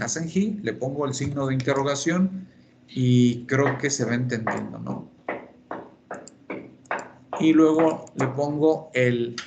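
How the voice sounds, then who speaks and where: This man's voice runs high, with a little hiss or hum on the line. He is an English teacher giving an online lecture in Spanish over a video call's computer mic, moving step by step and repeating key terms.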